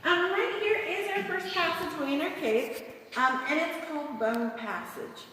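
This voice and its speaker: High-voiced lady giving a cave tour, chatty explainer, super echoey with long reverb. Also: moderate pace, sharp tone, far from the mic, slight background noise. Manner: informal, explanatory, projecting to a group. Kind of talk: guided tour talk to visitors. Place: inside a large cave.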